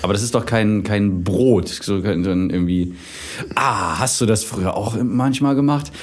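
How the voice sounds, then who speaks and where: A man's voice: lowish voice, normal speed. A man co-hosting a casual podcast, joking around and slipping into silly voices. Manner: playful, silly voices and tangents. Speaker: podcast co-host.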